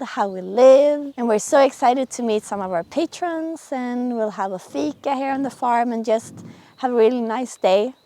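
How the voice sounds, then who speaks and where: A woman's voice: a little high, darkish tone, dry recording. A woman hosting a vlog, talking casually and directly to her viewers. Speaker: sailing and boat-building vlogger, host.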